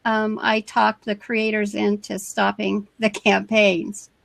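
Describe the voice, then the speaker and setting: A woman's voice: medium pitch, monotone, slow, gravelly, no room sound. A woman with a background in crowdfunding and venture capital, speaking hesitantly with many fillers on a video call. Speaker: crowdfunding consultant. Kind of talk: casual video-call chat.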